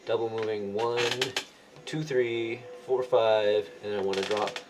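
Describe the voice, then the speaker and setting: A man's voice: fairly low pitch, steady tone, unhurried, noisy background. A man talking casually as a player in a tabletop game. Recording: music clearly behind the voice.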